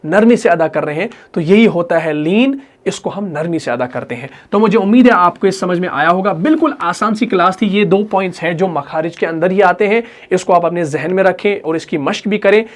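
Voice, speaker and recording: A man with a Pakistani Urdu accent teaching Quran recitation in an online lesson, patient and repetitive, drawing out his example words slowly. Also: sits high. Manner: patient, repetitive, slow drawn-out demonstrations.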